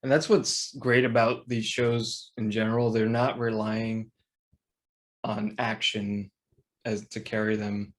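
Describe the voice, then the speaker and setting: A man's voice: on the low side, flat delivery, takes it slowly. A man co-hosting a podcast, chatty and loose, laughing easily in casual conversation. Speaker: podcast co-host. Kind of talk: casual chat.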